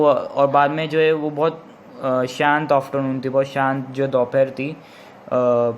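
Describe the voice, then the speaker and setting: A male English teacher explaining a textbook lesson line by line, rephrasing often and reading the English passages slowly. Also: mid-range voice, a little hiss or hum, low-quality recording. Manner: reads English lines slowly and deliberately.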